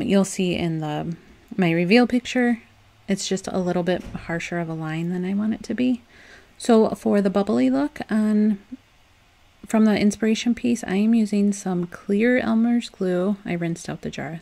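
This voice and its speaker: In a creaky, medium-pitched voice, a young woman who makes DIY home decor videos chats casually over her craft tutorial. She sounds upbeat and talkative, laughing softly and loosely restarting her sentences.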